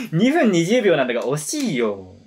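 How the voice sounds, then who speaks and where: A woman hosting a reaction video, chatting casually and explaining song lyrics in an animated, talkative way. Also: lowish voice, measured pace, slightly rough. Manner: chatty, animated, switches between explanation and excited comments.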